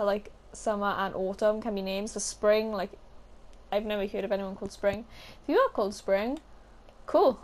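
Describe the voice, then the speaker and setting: A woman's voice: medium pitch, a little mellow. A fourteen-year-old girl with a Welsh accent chatting casually in a vlog, giggling often and saying "like" a lot. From Wales. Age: teens. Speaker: gaming YouTuber. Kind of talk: casual vlog chat over gameplay.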